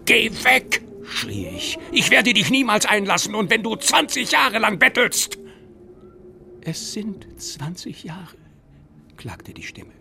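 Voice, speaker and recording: An actor playing a genteel city gentleman in a radio play, reading his first-person account in a dramatic way. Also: medium pitch, very animated, a little slow, slight background noise. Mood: horrified. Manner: wry, then tense and dramatic. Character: genteel male city gentleman, rattled by a ghost.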